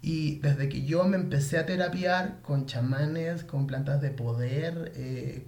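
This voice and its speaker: A man with a fairly high, gravelly voice tells a winding personal story, animated and full of slang. His voice rings around an echoey room. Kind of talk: casual storytelling monologue.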